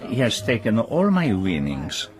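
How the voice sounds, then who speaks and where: In a radio drama, a male actor plays an Italian gambler who is theatrical, jovial and a little needling, speaking with an Italian accent in an effusive, gracious way and filling his lines with questioning hums. His lowish voice swings hugely in pitch while keeping a measured pace, and crowd noise runs underneath.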